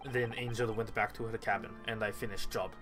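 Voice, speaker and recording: A player voicing a frightened ship crew member who confesses in halting, broken English and drops articles, while reading a game scene aloud with friends. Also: mid-range voice, little pitch movement, music in the background, lightly acted. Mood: confessing.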